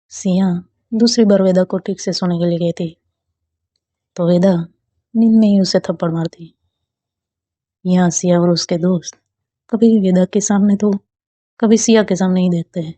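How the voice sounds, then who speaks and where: A woman narrating a romance story in a calm, unhurried reading. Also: mid-range voice, no room sound.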